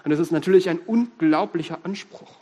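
A man's voice: on the high side, a little fast, lo-fi sound. Swabian guy preaching, funny and emphatic, echo of a big hall. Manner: lively, humorous, emphatic. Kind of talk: sermon. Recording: reverberant hall.

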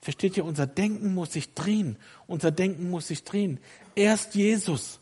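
A middle-aged male preacher with a dark, mellow tone and a slightly husky edge. He delivers a sermon that moves from hushed, confiding passages to rising, urgent calls. He turns to the congregation with direct questions. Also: high-pitched, a little fast. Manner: swings from quiet, intimate confession to loud, urgent exhortation.

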